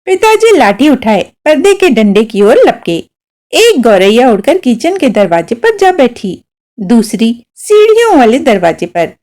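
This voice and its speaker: A woman reading a short story aloud as narrator, with expressive storytelling. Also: on the high side, measured pace.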